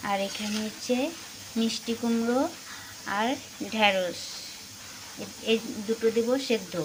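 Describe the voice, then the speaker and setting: A woman's voice: a little high, fairly even intonation, measured pace, noisy background. A woman chatting casually through her daily chores for a home vlog, recorded in her kitchen. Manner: chatty, talks while doing chores. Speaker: vlogger.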